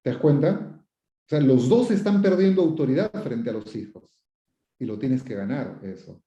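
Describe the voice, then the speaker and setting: Dark-voiced man giving advice in a roomy room. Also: medium pitch, normal speed. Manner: explains with repetitions and rhetorical questions; quotes questioners and acts out sample phrases. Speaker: psychotherapist answering viewer questions. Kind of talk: advice talk. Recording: roomy, dull lo-fi sound.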